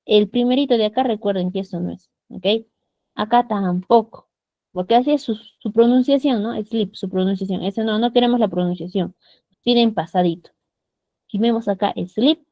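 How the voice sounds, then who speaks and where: This is an online class where a woman teaches English grammar in Peruvian Spanish, recorded through a computer mic on a video call. The mid-range voice comes through dry and lo-fi, and she patiently uses frequent tag questions to check that students understand.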